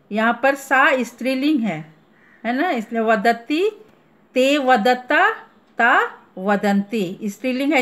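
A woman's voice: a little high, a bit bright. A woman school teacher giving an online grammar lesson, explaining each answer step by step and asking the pupils questions.

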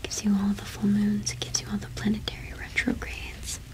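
A young adult woman whispers right against the microphone, soft and breathy, with a medium pitch and a completely flat delivery. Her gentle, halting ASMR roleplay casts her as a cottage witch shopkeeper.

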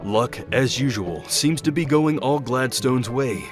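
A man's voice: mid-range voice, lively intonation, a little slow, faint music behind. A man reading scripted caption narration as the narrator of a cartoon.

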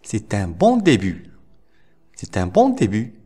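A man teaching a language who reads short everyday phrases and repeats each one several times, slowly and clearly. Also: fairly low pitch, wildly swooping pitch, dark tone. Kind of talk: slow phrase drills for learners.

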